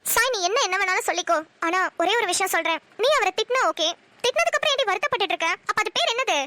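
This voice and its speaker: A woman's voice: extremely high pitch, expressive, rapid-fire, bright, forceful tone, no echo, heavily acted. A woman voicing a frank young woman in a cartoon who earnestly coaxes her friend. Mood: persuading. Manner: earnest, persuading. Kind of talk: Tamil cartoon voice acting.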